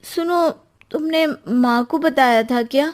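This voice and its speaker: A woman's voice: high voice, a little slow. A woman voicing a cheerful, trusting young wife in a cartoon story. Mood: anxious.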